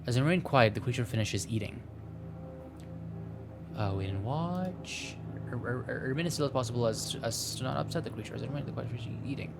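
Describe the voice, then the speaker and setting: Reading a visual novel aloud for a gameplay video, a man pokes fun at himself playfully and trips over the text. He speaks fairly quickly in a mid-range voice with vocal fry, while music plays in the background.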